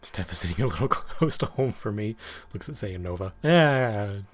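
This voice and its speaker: A lower-voiced young gamer who keeps cracking teasing jokes. Soft game music sits behind him. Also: male voice, expressive, moderate pace. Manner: jokey, teasing.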